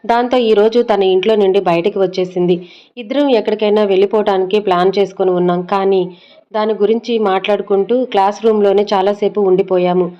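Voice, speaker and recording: A woman's voice: mid-range voice, steady tone, brisk, lo-fi sound, natural voice. A woman voicing a frightened young male student in an audio story, telling his ordeal in an anxious, pleading way.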